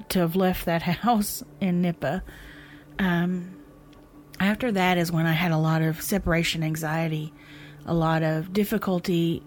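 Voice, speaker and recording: An American woman with a slightly low-pitched voice hosts a solo podcast in a casual, confiding style. She speaks candidly and reflectively, pausing as she finds her phrasing. Faint music can sit behind her voice. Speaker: podcast host. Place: indoors in a room by a window.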